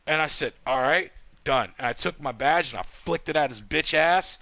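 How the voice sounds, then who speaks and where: Bright-voiced profane male storyteller. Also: a little high, brisk, vocal fry, dry recording. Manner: profane, animated, quotes others heatedly. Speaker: podcast host telling a story while playing a game. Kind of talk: casual storytelling.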